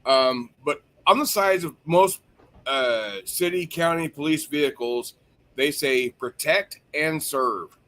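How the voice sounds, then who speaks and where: A man hosts a casual livestream in a voice that sits somewhat high. He rambles, swears freely and grows heated while making his point. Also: slow pace, bright, forceful tone. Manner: profane, rambling, heated when ranting. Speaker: stream host.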